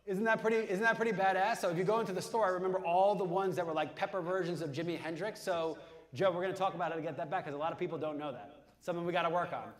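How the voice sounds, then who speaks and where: A quick-talking man with a slightly raised voice hosts a live stage panel. His talk is casual and rambling, full of jokes and asides to his guests. He keeps things loose and informal. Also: high voice. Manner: casual, rambling, joking banter. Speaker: panel moderator and podcast host.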